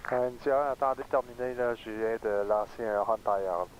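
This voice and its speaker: A man's voice: mid-range voice, brisk. A man speaking over a walkie-talkie as a squad leader, terse and clipped with hesitant fillers. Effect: over a walkie-talkie radio. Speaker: squad leader on team radio. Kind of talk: military radio procedure in a game. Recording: hissy distant radio channel.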